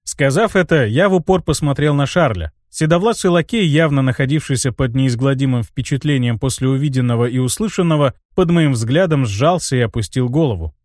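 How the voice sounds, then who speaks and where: A man narrating a first-person fantasy audiobook in a measured, wry storytelling manner. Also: medium pitch, a little mellow, dry recording, studio quality.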